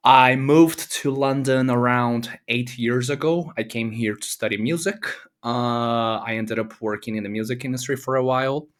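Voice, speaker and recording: A young man from Brazil chatting casually as an interview guest, relaxed, with lots of fillers and easy laughter. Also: medium pitch, moderate pace, few pauses. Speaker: guest, comedy content creator.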